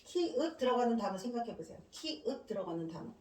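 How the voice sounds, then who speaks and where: Woman teacher, classroom lecture, high voice, asks and answers her own questions, echoey room, mic set back. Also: big pitch swings, fast talker, darkish tone, distant mic, slight background noise. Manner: spells out letters one by one, drilling.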